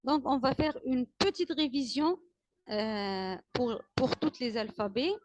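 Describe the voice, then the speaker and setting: A woman teacher with an Arabic-speaking accent, leading a classroom alphabet lesson with slow, drawn-out repetition of letters and words and frequent praise. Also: a little high, darkish tone, dull audio.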